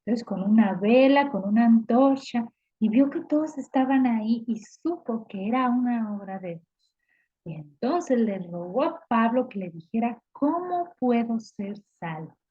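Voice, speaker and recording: A woman with a Mexican accent, a Sunday school teacher telling a Bible story to young children, expressive and asking them questions. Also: fairly high pitch, normal speed, slightly rough, dull audio.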